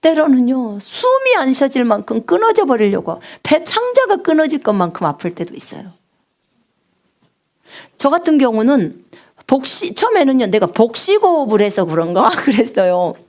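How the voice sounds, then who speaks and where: A woman missionary preaching a live sermon on prayer, with a big resonant singer's voice, asking the congregation questions and swinging from loud cries to hushed whispers. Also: sits high, very animated, normal speed. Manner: asks the congregation questions and answers them.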